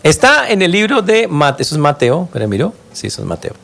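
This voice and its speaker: Male pastor, lively swooping delivery, emphatic sermon, talks straight to the congregation. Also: fairly high pitch, fast, vocal fry. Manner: animated, emphatic preaching with sound-effect interjections; addresses congregation directly with questions.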